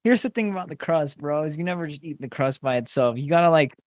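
A man's voice: fairly high pitch, animated, fast talker, darkish tone, no echo. A young man in his twenties chatting casually with a friend, teasing and joking, often saying "bro". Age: 20s. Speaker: podcast co-host. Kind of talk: casual chat.

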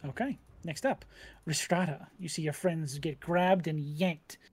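A woman acting as game master of a tabletop game, narrating with playful, animated delivery. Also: deep voice, unhurried, slightly rough, dry recording. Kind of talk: running a tabletop game online.

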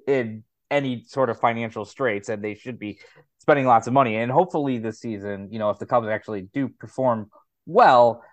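A man's voice: medium pitch, brisk, no room sound. A man co-hosting a sports podcast, hedging and agreeable, with many fillers. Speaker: podcast co-host. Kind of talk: casual sports podcast chat.

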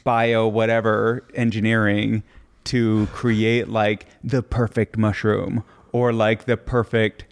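Man, podcast host, gravelly, lowish voice, casual, jokey, swears. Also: level tone, slow. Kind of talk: casual conversation.

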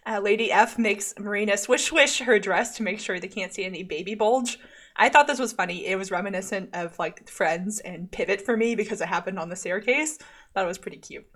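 A woman's voice: medium pitch, a bit bright. A woman co-hosting a podcast, chatting casually about a TV episode, with many "like" fillers and frequent laughs. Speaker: podcast co-host. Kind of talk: casual chat recapping a TV episode.

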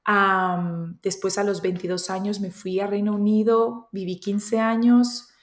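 A woman's voice: mid-range voice, steady tone, measured pace. Roomy-sounding woman with mixed Colombian-Spanish accent. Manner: reflective, thinks aloud with frequent restarts. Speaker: interview guest. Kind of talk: conversational interview.

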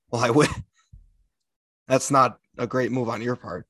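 A man's voice: medium pitch, fairly even intonation, a little slow, a bit bright, no echo. A man co-hosting a casual podcast with a dry, joking, laid-back way of talking. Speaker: podcast co-host.

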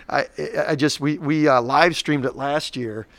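A man's voice: fairly high pitch, steady tone, unhurried, a bit bright, dry recording. Rambling man co-hosting a school podcast. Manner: rambling with frequent restarts. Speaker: school district podcast co-host. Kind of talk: casual chat.

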